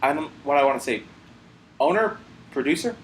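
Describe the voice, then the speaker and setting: A man's voice: on the high side, animated, fairly quick, roomy sound, a little hiss or hum, rough recording. A man co-hosting a casual gaming podcast, speculating aloud with frequent restarts and slips of the tongue. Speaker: podcast co-host.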